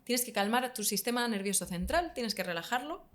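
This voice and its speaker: A woman's voice: on the high side, fairly quick. Confident woman teacher. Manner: explanatory, confident, lively emphasis. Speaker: English teacher guest. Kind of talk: conversational interview.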